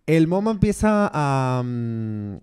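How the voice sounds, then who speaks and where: A man's voice: mid-range voice, big pitch swings, takes it slowly, a little mellow, smooth. A man co-hosting a podcast in casual chat, joking, laughing often and restarting his sentences. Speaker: podcast co-host.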